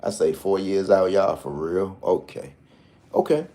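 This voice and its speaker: Speaking a little slowly, a man with a low, deep and mellow voice hosts a loose, joking lottery tips vlog. His casual ramble hops from slang-filled tangents to number picks while his tone stays animated and chatty.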